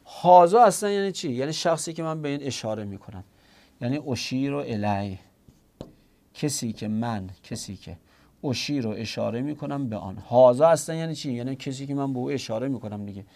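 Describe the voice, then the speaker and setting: A man's voice: mid-range voice, lively intonation, mellow. A man teaching a grammar class, explaining step by step, asking himself questions and answering them, and speaking directly to his students.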